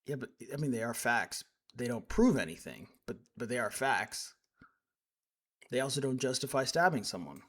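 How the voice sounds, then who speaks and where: A man's voice: medium pitch, expressive, normal speed, a bit bright. A man giving live stream commentary as he reacts to clips, indignant and sarcastic, rambling with frequent restarts.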